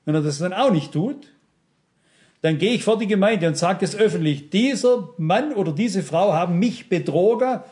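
Emphatic male preacher, high-pitched, addresses the congregation directly. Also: animated, moderate pace, darkish tone. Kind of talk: sermon.

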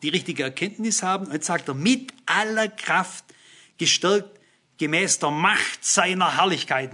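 Man preaching, high and husky, earnest, speaks straight to the congregation. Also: bright, forceful tone. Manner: earnest, addresses listeners with "wisst ihr", cites Bible verses. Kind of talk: sermon.

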